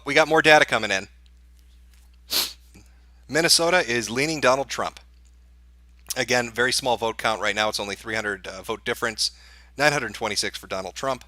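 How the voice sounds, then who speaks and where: A man's voice: mid-range voice, sharp tone, no echo. A man hosting a live election-night stream, chatting casually and reacting with sarcasm and profanity. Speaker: livestream host.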